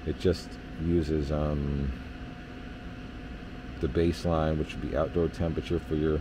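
Deep-voiced man explaining HVAC readings. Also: measured pace, background noise. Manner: relaxed, explanatory, many fillers. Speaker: HVAC technician. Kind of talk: hands-on technical demonstration. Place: indoor basement furnace area.

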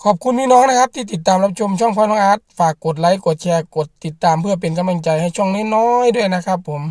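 A man's voice: high-pitched, quick pace, a little mellow, no echo, studio quality. Earnest farmer man venting. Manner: earnest, repetitive, appealing to the government. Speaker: rice farmer and channel host. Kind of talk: direct-to-camera political vlog.

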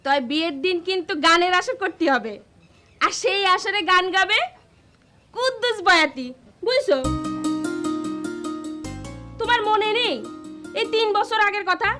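A sharp-tongued village mother. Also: very high voice, lively intonation, measured pace, long pauses, heavily acted. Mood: insistent. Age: older. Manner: scolding, insistent. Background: music.

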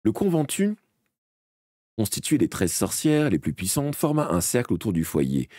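A man with a very low, husky voice reads a fantasy audiobook aloud in the first person. He reads in a dramatic, expressive way, and his pitch rises and falls widely. The recording is dry and close, with no room sound. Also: moderate pace, dry recording. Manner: dramatic, expressive reading with small slips and restarts. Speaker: audiobook reader. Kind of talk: first-person audiobook narration read live.

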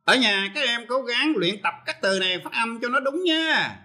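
A man teaching an English lesson on television, explaining each step slowly and patiently. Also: very high-pitched, expressive, sharp tone. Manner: explains step by step, switching between Vietnamese and English.

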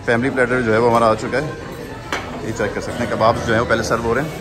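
Male food vlogger, thirties, brisk and chatty, phone audio in a noisy restaurant. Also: mid-range voice, little pitch movement. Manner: chatty, enthusiastic about the food. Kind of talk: casual restaurant food review. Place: busy indoor restaurant. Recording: loud restaurant crowd and music. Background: loud crowd chatter and music.

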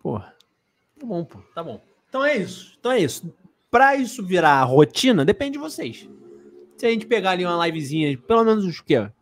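Laid-back young man, lively high voice. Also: a little fast. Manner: laid-back, slangy, drawls words out. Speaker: co-host of a football channel. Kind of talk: casual live-stream chat.

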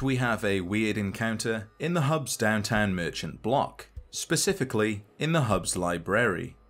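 A man narrating a scripted game video essay in a measured, dry and wry way. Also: medium pitch, a bit bright.

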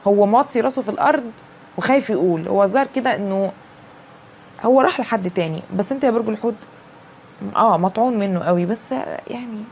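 Fast-talking Egyptian woman reading tarot. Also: medium pitch, lo-fi sound, a little hiss or hum. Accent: Egyptian Arabic. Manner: animated, repeats herself, talks straight to the viewer. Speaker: tarot reader. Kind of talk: casual tarot reading to camera.

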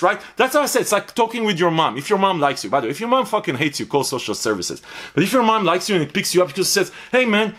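A man's voice: on the high side, fairly bright tone. A man reviewing a pre-workout supplement in a blunt, profane, rambling way, repeating himself for emphasis. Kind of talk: casual review vlog.

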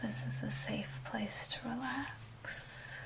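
A slightly high-voiced woman in her thirties whispers breathily and slowly, walking the listener through a soothing ASMR massage role play with instructions. It takes place in a small indoor room, and the audio is noticeably noisy with rubbing sounds.

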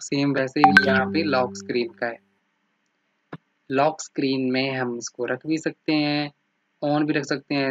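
A man's voice: medium pitch, a bit bright, no echo. Man teaching a computer lesson, dry lo-fi mic. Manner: repeats "ठीक है" after nearly every point; points things out on screen with "ये देखो". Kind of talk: screen-recorded computer lesson. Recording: dry, slightly dull lo-fi mic.

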